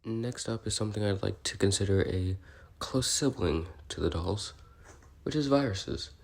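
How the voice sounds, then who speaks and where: His voice sits on the low side, creaky, with lively intonation at a moderate pace. The man plays a bookish, awkward, curious researcher logging species notes, explaining in a semi-improvised in-character audio log that is rambling, hesitant and politely apologetic; the mood is curious and musing.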